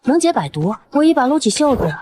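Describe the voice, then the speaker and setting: A young woman narrating a first-person story in an animated drama, brisk and lively. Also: sits high, noisy background.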